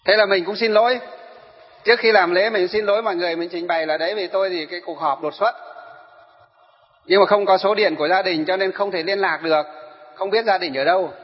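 A man, a Buddhist monk telling an animated story in a sermon and speaking straight to his listeners. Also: sits high, brisk. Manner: animated, addresses listeners directly. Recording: dull sound with long hall reverb.

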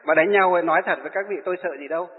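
A man's voice: high-pitched, steady tone, racing. A middle-aged man, a Buddhist monk, giving a wry, chatty storytelling talk and laughing at his own anecdotes. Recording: tinny, lo-fi, long hall reverb.

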